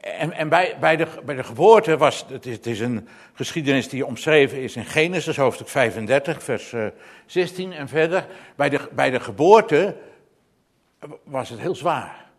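A man's voice: mid-range voice, animated, normal speed. A man preaching a sermon, earnest and emphatic, often repeating words as he goes.

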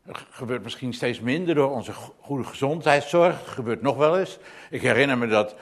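A man's voice: medium pitch, lively intonation, normal speed. A man preaching a sermon, earnest and emphatic, often repeating words as he goes.

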